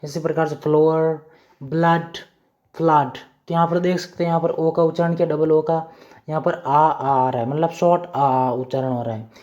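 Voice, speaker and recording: Teaching English pronunciation rules in stages, a man with an Indian accent speaks briskly in a fairly high, steady voice with a darkish tone. He repeats points and answers his own questions, all captured in dull lo-fi sound.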